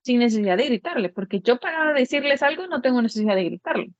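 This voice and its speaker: A woman's voice: fairly high pitch, expressive, quick pace, no room sound, lo-fi sound. A woman architect lecturing her students in a plain-spoken way, repeating each point with everyday examples.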